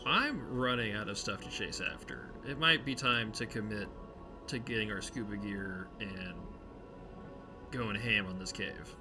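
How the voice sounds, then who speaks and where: A man's voice: fairly low pitch, a little slow, over music. A young man playing a tabletop game, talking brashly and joking. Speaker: player.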